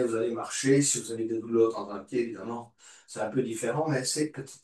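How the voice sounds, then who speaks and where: Guy leading a yoga class, calm and encouraging, sounds far off in a really echoey room. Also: medium pitch. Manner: calm, encouraging, repeats cues slowly. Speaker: yoga teacher. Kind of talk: guided yoga class instruction.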